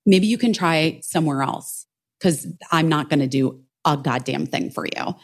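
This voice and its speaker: A woman co-hosting a podcast, telling a story in casual chat, animated and swearing freely while acting out what others said. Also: sits low, moderate pace. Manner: animated, swears a lot, acts out quotes. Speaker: podcast co-host.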